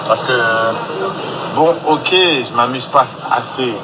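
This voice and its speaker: A man's voice: mid-range voice, takes it slowly, noisy background. A man in a played social media clip talking in a casual, boastful way. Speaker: entrepreneur in a played video clip. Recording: video clip played back, music behind.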